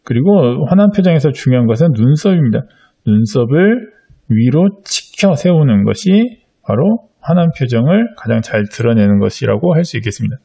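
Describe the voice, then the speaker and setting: Middle-aged guy walking little kids through drawing faces, gravelly low-key voice, bounces up and down a lot, slow and patient w lots of ums. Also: big pitch swings, warm tone. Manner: patient, step-by-step explaining with many fillers. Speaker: art teacher. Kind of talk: drawing lesson for young children.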